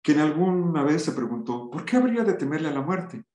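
This middle-aged man's voice is a little high, swinging widely in pitch and moving fairly quickly, with a slightly mellow tone and roomy sound. He's giving a lecture by video call, reading passages aloud, adding remarks and occasionally restarting.

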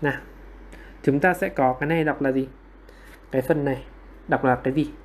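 Over a livestream quiz, a man teaches online English, prodding students for answers and laughing off his own slips with quick apologies. His voice is medium-pitched and steady.

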